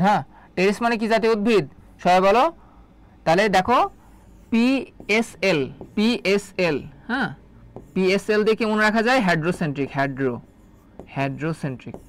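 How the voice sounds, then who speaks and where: A man teaching an online exam-prep biology class, quizzing students and repeating key terms to drill them. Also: high-pitched. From Bangladesh. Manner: quick, drilling delivery.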